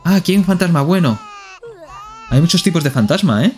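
A man's voice: fairly high pitch, animated, fairly quick, darkish tone, soft background music. A man with a Spain Spanish accent streaming live gameplay commentary, playfully talking to himself and to the characters on screen.

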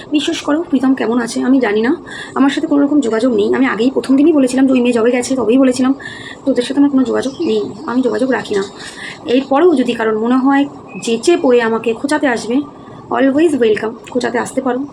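A woman's voice: sits high, creaky. A woman vlogger talking earnestly to her viewers, explaining herself, weary and heavy-hearted. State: feeling low and heavy-hearted. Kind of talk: casual talk to viewers. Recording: noticeable background noise.

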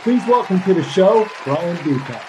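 A man's voice: high-pitched, expressive, moderate pace, warm tone, some chatter behind, a little hiss or hum. Playful Brooklyn man hosting a video-call chat. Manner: jokey, playful, laughs often. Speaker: host. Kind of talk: casual video-call interview.

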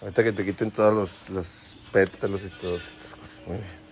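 A man with a Mexican Spanish accent, vlogging at home with his family, cheering and coaching his kids excitably. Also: deep voice, a little fast, a little hiss or hum. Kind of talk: casual home vlog.

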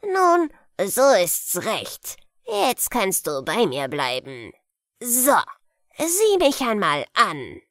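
A woman voicing an evil old male wizard in a bedtime fairy tale, speaking slowly and gloatingly, sometimes dropping to a hush. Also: medium pitch, huge pitch swings, no room sound, studio quality, exaggerated voice. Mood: sinister coaxing. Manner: slow, gloating, hushed in places.

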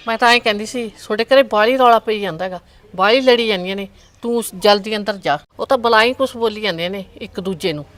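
A woman's voice: medium pitch, fast talker, a bit bright, no echo, lightly acted. Gossipy nosy neighbour aunt, as a woman acts her. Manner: gossipy, defensive. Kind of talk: family comedy skit acting.

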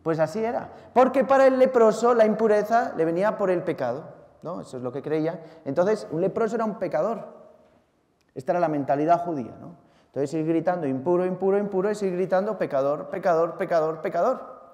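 A man from Spain with a Spanish accent, a priest reading the Gospel and preaching a Sunday homily in a lively, theatrical way, talking straight to the congregation. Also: sits high, fairly quick. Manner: lively, theatrical, shouts out acted cries, talks to listeners directly. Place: large church. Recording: long church reverb.

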